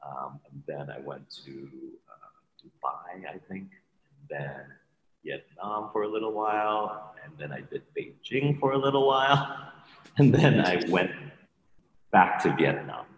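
A man who grew up in Hong Kong, a podcast guest chatting casually and relaxed, laughing often between phrases. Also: low-pitched, a little slow. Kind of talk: casual chat. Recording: roomy with long reverb.

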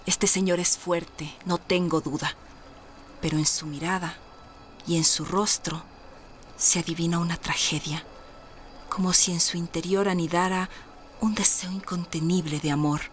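Woman acting low-voiced, refined Manuela Sáenz, noisy ambience. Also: steady tone, unhurried, natural voice. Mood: earnest, tender. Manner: formal, earnest, confiding. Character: refined, candid married lady, romantic and independence-minded. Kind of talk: audio drama acting.

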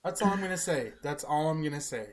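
A man's voice: fairly high pitch, animated, quick pace. A man co-hosting a podcast in casual chat, informal and repeating his phrases for emphasis. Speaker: podcast co-host.

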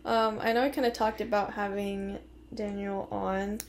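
A woman's voice: mid-range voice, level tone, normal speed, slight background noise. A woman in her twenties hosting a casual podcast chat, giggly and rambling. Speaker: podcast host.

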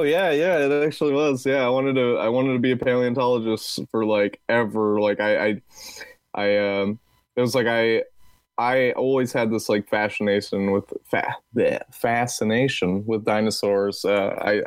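A man in his twenties from Texas talks casually on a podcast, wandering through his thoughts with lots of fillers and restarts. His voice sits at an ordinary pitch for a man. The recording is dry and close, with no room sound. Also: steady tone, moderate pace, clean tone, no echo. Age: 20s. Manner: rambling, many fillers and restarts. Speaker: podcast guest.

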